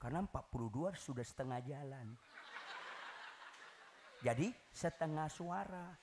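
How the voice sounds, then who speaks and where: A male pastor preaching a sermon to a congregation in a lively, teasing way, often shouting the punchlines. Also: medium pitch, measured pace, background noise. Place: church hall.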